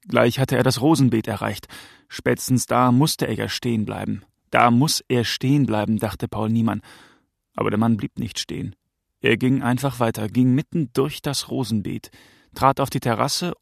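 Gravelly male audiobook narrator. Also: mid-range voice, dry recording, clean studio sound. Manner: measured, tense storytelling. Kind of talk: audiobook narration of a crime novel.

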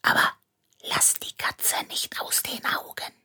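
A woman's voice: very deep voice, expressive, slow, fairly bright tone, husky, heavily acted. A woman reading aloud, voicing a cocky young boy who plays sheriff and often speaks in a conspiratorial whisper.

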